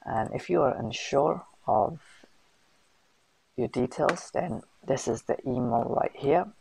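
Gravelly man, casual tutorial chat. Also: a little high, takes it slowly, a little mellow, slight background noise, rough recording. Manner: chatty, filler-heavy, British slang. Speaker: host of a food business channel. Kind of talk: casual screen-recorded tutorial. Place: voice-over on a screen recording.

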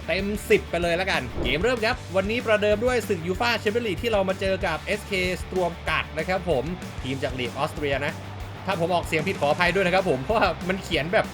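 A man giving casual, excitable gameplay commentary, swearing freely and calling plays like a sports caster. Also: high voice, fast talker, music in the background. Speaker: gaming YouTuber.

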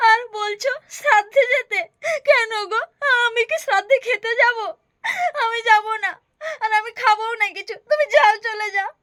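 A woman's voice: very high-pitched, a bit bright. A woman playing a grieving, crying young wife. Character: grieving young wife, stubborn, refusing food. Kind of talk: amateur family drama acting.

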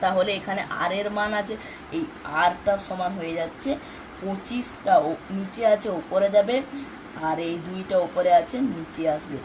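A woman's voice: medium pitch, normal speed, noisy background. A woman teaching a math lesson for exams, explaining step by step and answering her own questions. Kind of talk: exam-focused math lesson.

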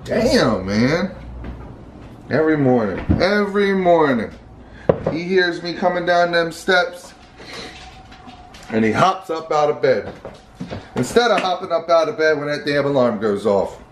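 A man's voice: on the high side, big pitch swings, a little slow, pauses often, background noise. A middle-aged man, a father, talking casually and crudely in a family vlog, scolding and swearing a lot.

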